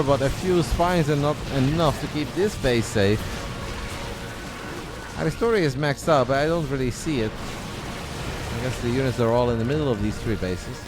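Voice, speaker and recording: Chatty male esports caster over game music. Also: on the high side. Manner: chatty, excitable, says mate and guys. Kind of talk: solo play-by-play commentary. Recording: game music clearly behind the voice.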